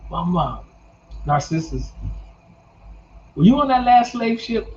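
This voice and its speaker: A man's voice: high voice, sing-song, slow. A man in his sixties talking casually as a guest, folksy and storytelling, who laughs at his own jokes. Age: 60s. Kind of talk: casual conversation. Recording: muffled recording with faint background hum.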